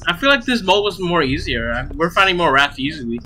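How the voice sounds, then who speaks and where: A man in casual game voice chat, talking excitably and repeating his words to teammates. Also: a little high, fast, a loud crowd. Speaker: multiplayer game player. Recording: voice chat with clear background noise.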